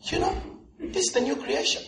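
A man preaching a sermon as pastor in a church, animated and humorous, often asking the congregation if they are listening. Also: normal speed, echoey room, a crowd in the background. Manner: animated preaching with humor and call-and-response questions.

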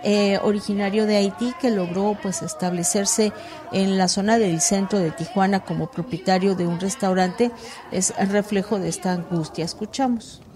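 A woman's voice: mid-range voice, fairly even intonation, normal speed, over music, crowd noise. A woman news reporter reading a report steadily, now and then using a filler word. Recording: background noise.

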